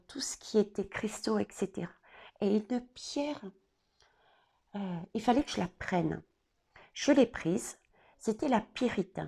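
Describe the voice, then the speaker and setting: A woman giving an oracle card reading, talking straight to the viewer and pausing often on fillers. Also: mid-range voice, gravelly, warm tone. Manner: hesitant, many fillers and restarts, addresses viewers directly. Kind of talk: casual spoken card reading.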